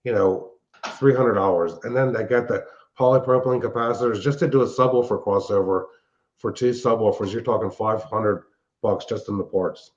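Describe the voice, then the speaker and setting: Speaking at a moderate pace in a lowish voice, an older show host and hobbyist rambles through casual technical explanations. The sound is dull and band-limited.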